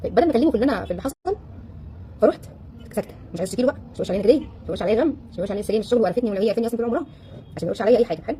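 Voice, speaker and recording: A woman with an Egyptian Arabic accent talks to a live audience at a breakneck pace in a slightly high, mellow voice. She is an animated relationship coach who fires off rhetorical questions and slips into the voices of the people she quotes. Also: racing, a little hiss or hum. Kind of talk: casual talk to a live audience.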